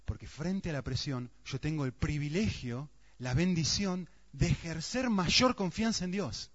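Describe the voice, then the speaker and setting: A man's voice: fairly high pitch, animated, unhurried. A man preaching a sermon earnestly, often asking the congregation rhetorical questions. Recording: dull, muffled sound.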